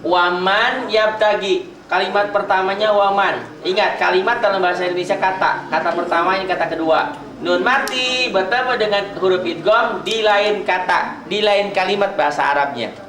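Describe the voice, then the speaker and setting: A man's voice: high voice, moderate pace, sharp tone. A man teaching a Quran recitation class, patiently repeating each example and drawing out the recited phrases. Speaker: tajwid teacher. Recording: roomy echo.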